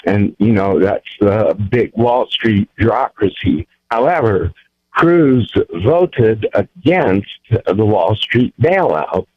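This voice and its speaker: A man phones into a talk radio show and lays out his opinions firmly and deliberately. His voice is low and his pace is very slow. The sound is dull and dry, like a phone line. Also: lively intonation, dry recording. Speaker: caller.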